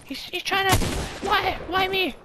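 A player talking through a pitch-raising voice changer, posing as a squeaky seven-year-old kid and yelling excited callouts in online game voice chat. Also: a little slow, heavy background noise. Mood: frantic. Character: squeaky young kid gamer claiming to be seven. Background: loud game music.

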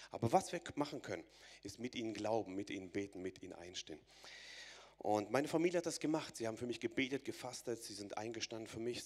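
A man's voice: mid-range voice, a little mellow. A man in his thirties from Germany, giving an earnest, urgent personal faith testimony to a church audience, repeating phrases and restarting words.

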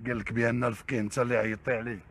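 A man's voice: mid-range voice, level tone, rapid-fire, a bit bright. A man with a Moroccan Arabic accent interviewing a guest, pushing with pointed follow-up questions. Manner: probing, pushes with follow-up questions.

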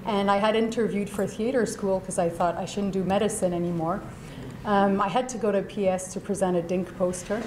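A woman from Canada talks at a conference in an informal, chatty way, full of fillers. Her mid-pitched voice rings through an echoey hall with a faint hiss behind it. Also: steady tone, brisk, a little mellow. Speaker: speaker, neonatologist. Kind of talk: conference talk.

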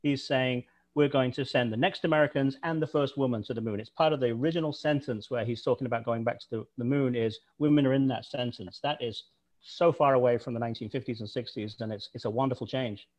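A man's voice: mid-range voice, fast, a little mellow. A man speaking as a guest on a video call, telling history anecdotes in an enthusiastic, storytelling way. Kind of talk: storytelling talk.

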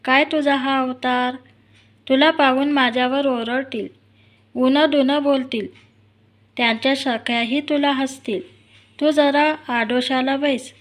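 A woman's voice: high voice, fairly even intonation, unhurried. A woman voicing a timid, anxious palace maid who pleads, in a told folk tale. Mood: worried.

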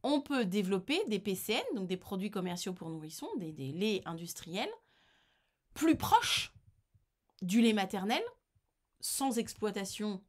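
A woman vlogger from France reading a news article aloud and reacting to it, indignant and animated, with frequent hesitations and restarts. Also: medium pitch. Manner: animated, indignant, reads then comments, frequent fillers and restarts.

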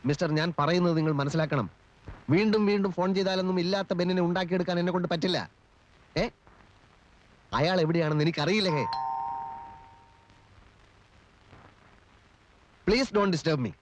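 An impatient lawyer who brushes people off and slips into English, played by a man in a film. He talks fast in a slightly raised voice. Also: sits high, a little hiss or hum, lightly acted. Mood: irritated. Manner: curt, impatient, mixes in English. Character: irritated young lawyer. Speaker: film character. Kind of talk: 1980s film acting.

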